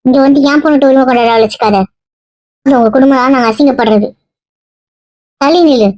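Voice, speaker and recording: A woman acting a scolding mother in a family drama skit, sharp and shrill when angry. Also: fairly quick, no echo. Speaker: vlogger acting family skits.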